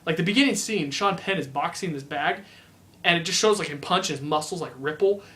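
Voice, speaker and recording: A young man with a high voice gives a casual review of a film he saw. He talks loosely and chattily, often saying "like" as he goes. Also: fairly quick, pushed and bright. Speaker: movie reviewer.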